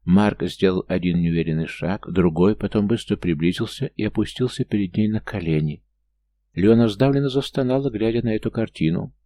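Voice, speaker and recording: A man narrating an audiobook in a steady storytelling manner. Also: on the low side, brisk.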